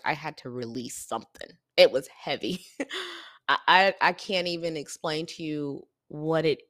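A tired woman speaks earnestly into a close microphone, confiding with a slightly low voice. The sound is dry, with no room around it. She lets in soft laughs now and then as she reflects on her own podcast. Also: no echo. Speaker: podcast host. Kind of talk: reflective solo podcast talk.

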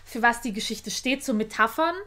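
A woman's voice: fairly high pitch, moderate pace, bright, forceful tone. A woman talking casually and thoughtfully, hesitating with plenty of fillers. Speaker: listener. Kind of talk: casual chat.

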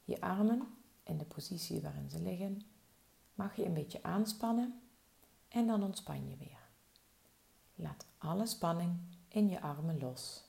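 A woman guiding a slow body-relaxation meditation with soft, soothing instructions. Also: lowish voice, lively intonation, creaky. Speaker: relaxation guide.

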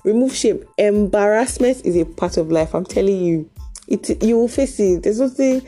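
A young Nigerian woman with a Nigerian accent telling a story in a casual, animated vlog, talking straight to her viewers. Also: medium pitch, moderate pace, faint music behind. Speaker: vlogger.

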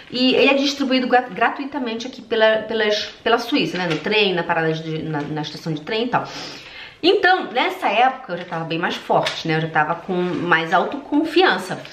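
Brief: woman language teacher, talks straight to viewers, animated and direct, roomy sound. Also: fairly high pitch, a little hiss or hum. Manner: animated, repeats words, direct address to viewers. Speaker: German teacher. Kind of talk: casual storytelling vlog.

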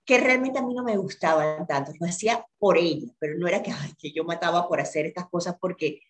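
A woman's voice: on the low side, brisk. A woman who is a guest in an interview, telling a personal story in an earnest way and often repeating words for emphasis.

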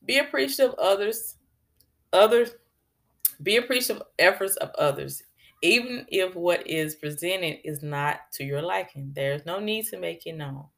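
A woman giving casual advice on politeness, with a low-set voice and a gravelly fry running through it. She talks in a chatty, preachy way and often turns aside to address her listeners directly. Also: expressive, moderate pace, a bit bright. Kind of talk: casual talk on etiquette.

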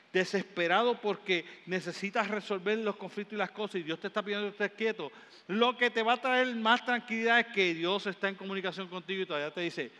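A man with a Caribbean Spanish accent preaches with fervor. His voice sits high and cuts bright through the space. A long hall reverb trails each emphatic phrase. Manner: fervent, builds up in emphatic repeated phrases. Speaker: pastor. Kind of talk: sermon. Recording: long hall reverb, faint room noise.

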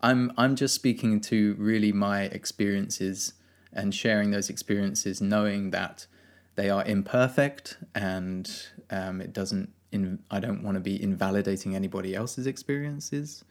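A man's voice: on the low side, measured pace. A young man hosting a solo podcast, talking in an earnest, rambling way with many ums and uhs. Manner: soft-spoken, rambling, earnest, with many fillers. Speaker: podcast host.

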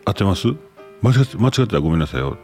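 A chatty man hosts a casual talk show, his fairly low voice rising and falling in a lively way. He rambles and corrects himself as he reads listener letters aloud. Faint music plays behind him. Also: very fast. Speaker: podcast host. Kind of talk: casual radio-style chat.

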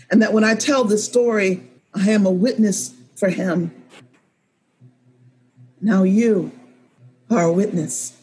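A woman telling a personal story with a storyteller's measured delivery. She leans on repeated phrases to drive each point home. Her voice sits at an everyday middle pitch. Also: a little mellow, a little hiss or hum. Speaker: professional storyteller. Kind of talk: told personal story to a live audience.

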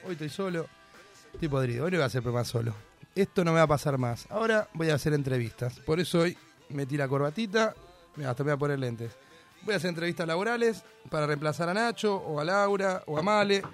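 A man with an Argentine accent runs a radio comedy bit, talking very fast in a fussy, interviewer-like way. His voice sits a little high, and faint music plays behind him. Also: expressive. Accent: Argentine Spanish. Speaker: radio host.

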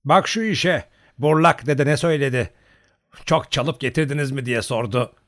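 A man's voice: medium pitch, normal speed, voice pushed up, natural voice. A man voicing a young male Cossack companion who sounds worried and a little touchy, with a slightly raised voice.

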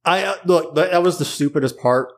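A man's voice: a little high, a little fast. A man in his thirties co-hosting a podcast in casual chat, talking in rambling restarts and laughing often. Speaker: podcast co-host.

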